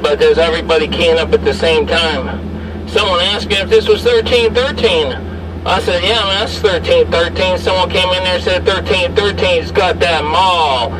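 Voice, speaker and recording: Here a man with a high voice works the CB radio, his slangy patter full of repeated handles and call-outs. The mic is distant from him, inside an SUV that's either parked or moving, and the car interior is noisy.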